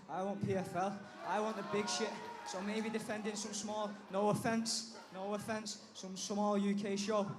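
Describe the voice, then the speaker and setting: A twenty-year-old man with a Manchester accent, giving a blunt, cocky, sweary post-fight interview as a fighter. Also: high-pitched. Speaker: amateur MMA fighter being interviewed.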